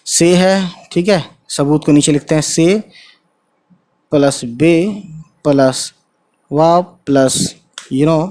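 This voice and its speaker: A man teaching an online Urdu writing lesson, spelling words slowly letter by letter and checking in with the viewers often. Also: fairly high pitch, darkish tone. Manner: spells out letters slowly, tags lines with "ठीक है" and "guys". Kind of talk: casual spoken lesson.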